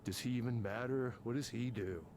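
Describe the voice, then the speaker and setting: An actor voices a fifty-something male tech company programmer for a video game in a naturalistic style, playing him as angry, embittered and self-important. He rants combatively with sarcasm and swearing, sounding bitter and exasperated. His natural voice is medium-pitched at a moderate pace, with some background noise.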